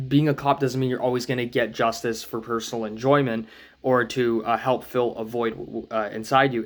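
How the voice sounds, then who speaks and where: A man talking through a comic book analysis for his channel. He sounds thoughtful and unhurried, with a voice of ordinary pitch, and he pauses to muse and add small asides. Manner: thoughtful, musing, with small hedges and fillers. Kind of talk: casual spoken analysis monologue.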